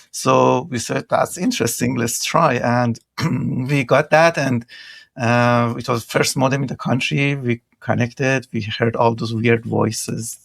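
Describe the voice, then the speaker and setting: Vocal fry colors this medium-pitched male voice, captured without echo. The speaker, a middle-aged tech entrepreneur from Iran with an Iranian accent, is a podcast guest sharing stories in a conversational way.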